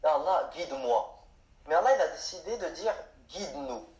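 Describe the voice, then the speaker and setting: An Arabic teacher gives an explanatory grammar lesson, posing questions and then answering them himself. His voice is a little high and a little mellow, expressive, at a normal speed. The room echoes and the sound is dull.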